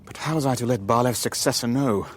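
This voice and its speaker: In a radio drama, an actor plays a weary, shrewd shipping owner who narrates his own spy ordeal as both narrator and lead, in first-person narration and dialogue. His male voice is medium-pitched and husky, lightly acted, and his delivery is measured, clipped and deliberate. The mood is grave and reflective.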